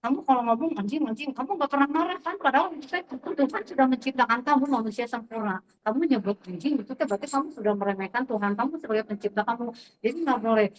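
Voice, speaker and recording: A middle-aged Sundanese woman teacher sharing classroom anecdotes in a lively storytelling way, acting out the dialogue. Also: a little high, quick pace, a little hiss or hum. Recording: distant, dull recording.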